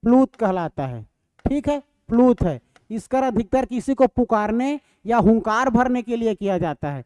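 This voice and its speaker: A man teaches a grammar class, going over each point again and again and checking that his students follow. His voice is smooth and resonant. The sound is dry, with no room echo. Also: very high voice, animated, normal speed, darkish tone.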